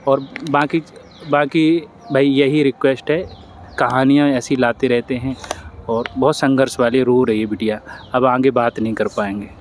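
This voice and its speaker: A man's voice: medium pitch, fairly even intonation, moderate pace, a little hiss or hum. A man hosting an interview, earnest and consoling as he speaks to his guest and to viewers. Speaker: interviewer, channel host.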